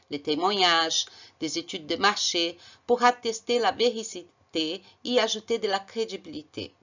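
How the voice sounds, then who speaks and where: A woman's voice: medium pitch, a bit bright, lo-fi sound. A woman giving a narrated slide lesson as a marketing coach, emphatic and encouraging, often repeating and correcting herself as she talks. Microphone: voice-over on slides.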